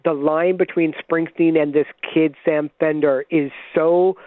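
A man joining a radio talk show by phone, explaining in an enthusiastic, fast way. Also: on the high side, fairly even intonation, no echo. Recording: tinny phone line.

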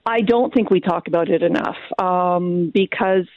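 A woman's voice: fairly low pitch, normal speed, no room sound. A Canadian woman in her forties, a guest speaking earnestly with frequent ums in an interview over a tinny phone line.

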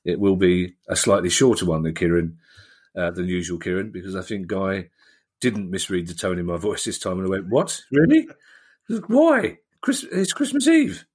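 A man hosting a podcast, chatting and bantering in a jokey, relaxed way. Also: low voice, a little fast. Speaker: podcast host. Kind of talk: casual podcast chat.

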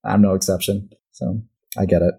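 A man with a Midwestern American accent chats in a relaxed, rambling way, often restarting his sentences. His voice sits a little low and sounds husky. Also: moderate pace. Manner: rambling, self-correcting, laughs often. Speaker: guest, animal-ranking YouTuber. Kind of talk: casual podcast conversation.

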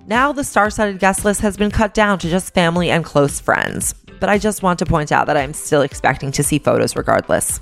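A woman's voice: lowish voice, expressive, fairly quick, vocal fry, few pauses, soft background music. A woman hosting a news podcast, reading scripted briefings and sponsor copy in an informal, wry manner.

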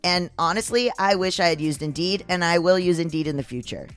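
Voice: brisk, a bit bright. Androgynous podcast host reading ads over music. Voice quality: androgynous, testosterone-deepened voice with some strain. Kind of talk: scripted ad reads with personal asides.

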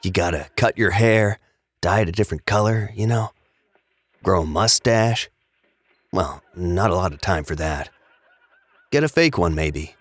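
An actor playing a laid-back stoner roommate who talks in an unbothered, drawling slacker way. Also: male voice, medium pitch, sing-song, a little slow, dry recording. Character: laid-back stoner male roommate, easygoing and munchie-minded. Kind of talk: audio drama acting.

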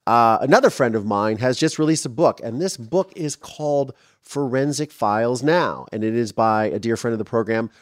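A man's voice: mid-range voice, animated, moderate pace, few pauses, no room sound, studio quality. A man in his thirties hosting a podcast, talking casually and rambling with fillers and restarts, openly emotional at times. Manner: openly emotional, voice softening when moved. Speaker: podcast host.

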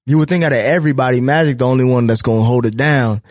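A man's voice: medium pitch, rapid-fire, no echo, clean studio sound. A man co-hosting a sports podcast, talking animatedly and often restarting his words as he jumps into the debate. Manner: animated, talks over others, repeats words when starting. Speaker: podcast co-host.

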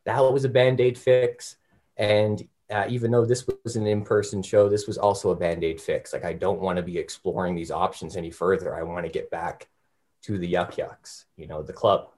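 A man's voice: low-pitched, steady tone, normal speed, darkish tone. A man speaking as a comedian guest in a casual interview, griping in a wry, blunt way.

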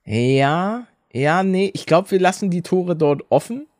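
A playful man from the Rhineland trades teasing jokes as a podcast co-host. His pitch swings freely up and down, and the sound is close and dry with no room echo. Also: expressive, a little slow. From Rhineland, Germany. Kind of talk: casual podcast banter.

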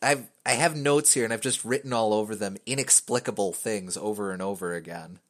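Wry, rambling man with a low voice. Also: brisk. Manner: rambling, many fillers and restarts; wry, joking. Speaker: podcast host. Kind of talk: casual chat.

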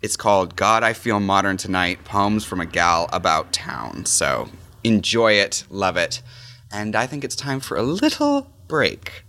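Male podcast host, very low, chatty, teasing, dry studio sound. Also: measured pace, dry recording. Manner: chatty, teasing, jumps high on excited words. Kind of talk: casual podcast interview.

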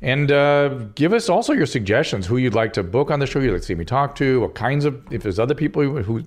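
Man, podcast host, casual chat, relaxed, asks follow-up questions. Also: mid-range voice, fast.

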